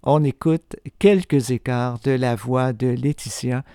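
Mellow, smooth Quebec French radio host, male. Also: medium pitch, a little slow, dry recording, clean studio sound. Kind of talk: radio presentation of sound art.

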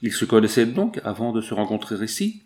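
A man's voice: on the low side, sing-song, brisk, darkish tone. A man voicing a young noblewoman in an audiobook, pleading and pressing with questions. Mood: anxious. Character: young noblewoman, hurt and insistent. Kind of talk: audiobook character voice.

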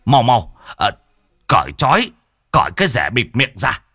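A man's voice: medium pitch, wildly swooping pitch, normal speed, sharp tone, breathy edge, no room sound, clean studio sound, pitched above the performer's own voice, full character voice. A man voicing a stern village elder who barks orders at a crowd. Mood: commanding. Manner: barking orders.

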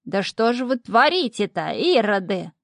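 A woman's voice: medium pitch, big pitch swings, measured pace, no echo. A woman voicing a cowardly, whiny male imp familiar with a nasal voice, reading from a storybook. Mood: grumbling. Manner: plaintive, wailing.

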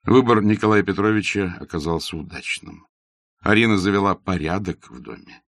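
A man narrating a classic novel as an audiobook in a measured, even reading. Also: low voice, no echo, clean studio sound. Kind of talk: scripted literary narration.

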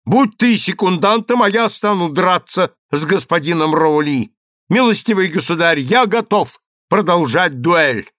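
A man's voice: high-pitched, expressive, fairly bright tone, no room sound, studio quality, voice pushed up. A man doing a firm, commanding duel second. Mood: stern. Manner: measured, commanding.

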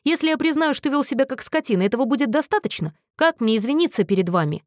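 A woman voicing a defensive, shamed young man who speaks flatly and quickly when pressed. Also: high-pitched, no room sound, studio quality, voice pushed up.

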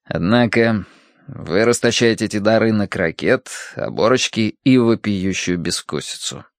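A man narrating a novel as an audiobook in an even, measured way. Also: lowish voice, vocal fry, no echo, studio quality.

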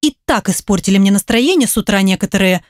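A woman's voice: medium pitch, expressive, quick pace, no echo, clean studio sound, close to an everyday voice. A woman reading an audiobook, voicing a jealous, hot-tempered young woman who snaps and hisses at her rivals. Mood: hissing. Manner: sharp, hissing.

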